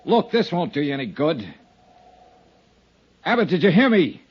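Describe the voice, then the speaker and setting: Johnny Dollar, a hard-boiled investigator. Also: male voice, fairly high pitch, normal speed, husky. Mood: confronting. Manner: steady, clipped narration; firm when confronting. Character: hard-boiled male insurance investigator, calm and firm. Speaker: narrator and lead. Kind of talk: 1950s radio drama. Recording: muffled old radio broadcast with music.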